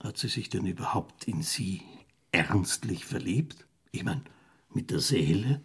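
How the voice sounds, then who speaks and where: Radio play: a preachy journalist, husky and low. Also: male voice, lively intonation, unhurried, full character voice. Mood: lecturing. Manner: indignant, lecturing. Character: pompous male journalist, opinionated and moralizing.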